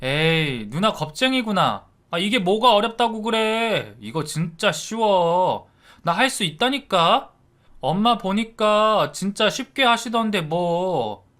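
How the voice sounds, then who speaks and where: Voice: mid-range voice, slow pace, few pauses, bright, forceful tone, clear, resonant tone. A man voicing a mischievous young boy who teases his older sister in a narrated story. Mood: teasing. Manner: teasing, whiny, stammering when caught. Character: cheeky mischievous young boy, little brother.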